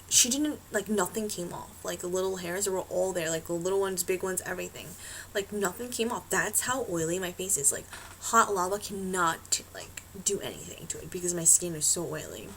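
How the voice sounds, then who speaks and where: A woman's voice: lowish voice, animated, moderate pace, fairly bright tone, slight background noise, low-quality recording. A woman chatting casually to her laptop webcam at home, rambling, swearing freely and filling her talk with "like" and "um". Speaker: beauty vlogger. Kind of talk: casual chat to camera.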